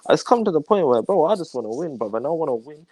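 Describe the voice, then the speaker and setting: A man's voice: fairly high pitch, very animated, quick pace, darkish tone, dry recording. A man co-hosting a casual football podcast, slangy and emphatic, saying "bro" often. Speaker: podcast co-host.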